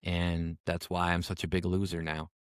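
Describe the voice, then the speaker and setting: A man's voice: low-pitched, little pitch movement, moderate pace, clean tone, no echo. A man in his forties co-hosting a podcast in casual chat, with a dry, self-mocking sense of humor. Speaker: podcast co-host.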